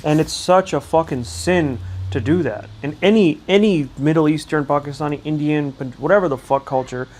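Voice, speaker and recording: A man's voice: a little high, a little mellow. A man co-hosting a casual chat, brash and swearing a lot as he gives his views. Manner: brash, profane, quick-talking. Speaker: podcast co-host.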